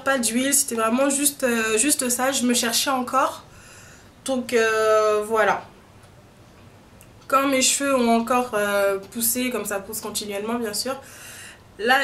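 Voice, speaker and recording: A woman's voice: on the high side, a bit bright, slight background noise. A young woman talking casually to camera about her hair routine, chatty and full of hesitations and filler sounds. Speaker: beauty vlogger. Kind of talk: casual hair-care vlog.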